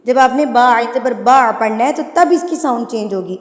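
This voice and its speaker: Woman tajweed teacher, patient slow spelling, higher voice, long reverb. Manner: patient, explains then spells words slowly syllable by syllable.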